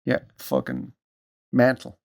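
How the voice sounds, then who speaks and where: A man co-hosting a podcast in easygoing, profane chat. His voice carries a gravelly fry at a middling pitch. He drifts mid-sentence and restarts often. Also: completely flat delivery, takes it slowly. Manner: loose and sweary, trails off and restarts. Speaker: podcast co-host. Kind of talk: casual chat.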